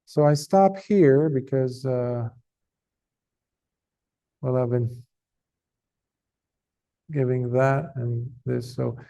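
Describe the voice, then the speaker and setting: A man, a Buddhist monk, giving an earnest, conversational Dhamma talk to a group, tired, with emphatic stresses and pauses. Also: mid-range voice, fairly even intonation, gravelly, warm tone.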